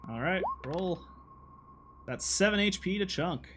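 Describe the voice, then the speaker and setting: A man's voice: high-pitched, lively intonation, measured pace, very noisy. A man running a tabletop game on a live stream, describing gory scenes casually and laughing often. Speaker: dungeon master. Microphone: streaming microphone.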